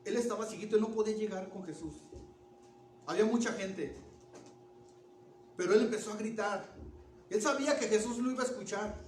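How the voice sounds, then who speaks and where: A man preaching a sermon in an animated way, asking the congregation questions and restarting words. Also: high-pitched, fairly quick, pauses often, slight background noise. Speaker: pastor. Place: church. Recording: echoey church room from far off.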